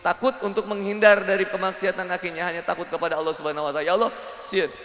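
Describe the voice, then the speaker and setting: A man's voice: high voice, level tone, rapid-fire, a bit bright. A man with a Sundanese accent preaching a humorous sermon to a village gathering, mixing Sundanese into Indonesian. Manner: joking, mixes Sundanese into Indonesian, acts out quoted dialogue. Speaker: Islamic preacher. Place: live village religious gathering. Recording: echoey hall reverb.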